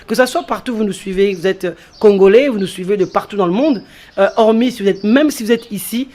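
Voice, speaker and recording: A medium-pitched, mellow-voiced woman talks a little fast as an entrepreneur guest in an interview. Raised in France, she lays things out step by step and keeps repeating key phrases for emphasis.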